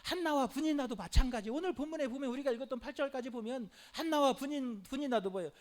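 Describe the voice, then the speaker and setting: A middle-aged male pastor preaching a sermon in an animated way, with frequent hallelujahs and rhetorical questions to the congregation. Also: extremely high pitch, fast.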